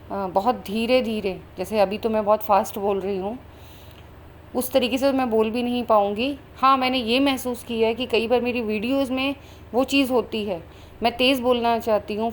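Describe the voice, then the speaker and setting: Her voice is on the high side, with a little hiss or hum behind it. As a spiritual channel host, she earnestly describes a meditation vision from her own experience, blending Hindi and English in a flowing style with many fillers.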